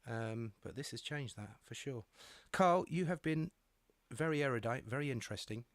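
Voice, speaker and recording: A male talk-show host chats in a friendly, matey way and keeps up agreeing murmurs. His voice sits at a middle pitch with a dry, close sound. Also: expressive, moderate pace, no echo. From England. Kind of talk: live radio-style chat show.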